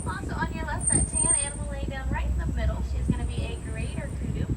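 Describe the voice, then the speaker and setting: A woman working as a safari guide, giving practiced tour commentary with instructions and animal facts. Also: fast. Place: open safari vehicle outdoors. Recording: distant vehicle speaker, loud engine and crowd noise. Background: vehicle rumble, crowd.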